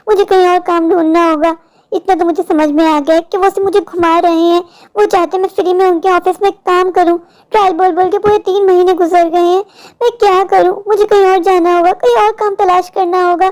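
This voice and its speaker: A woman's voice: very high voice, steady tone, a little fast, darkish tone. A woman voicing a poor young woman in a cartoon, a worried older sister who pleads in a worn-down, sorrowful way. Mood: despairing. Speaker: cartoon character. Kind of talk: Hindi cartoon voice acting.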